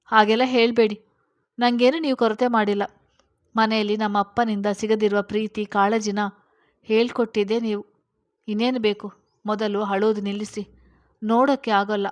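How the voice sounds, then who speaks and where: Woman reading as hurt, gentle young wife. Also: mid-range voice, level tone, normal speed, pauses often, close to an everyday voice. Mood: consoling. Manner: gentle, consoling. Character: young wife Inchara, hurt but consoling.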